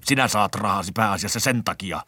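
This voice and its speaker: An actor playing a stern, irritable middle-aged factory director in an old radio drama, gruff and scolding. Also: male voice, fairly low pitch, bright, forceful tone, no echo. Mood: contemptuous.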